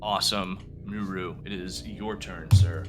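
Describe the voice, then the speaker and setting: A man's voice: deep voice, fairly even intonation, measured pace, music in the background. A man running a tabletop game as the dungeon master, easygoing and laughing often.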